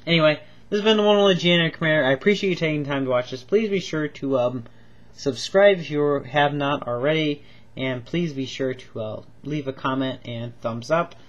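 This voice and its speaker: This man's voice sits fairly high and moves quickly, heard through dull audio. Congested and coughing from a cold, he rambles eagerly about toy figures in a home video, full of ums and repetition.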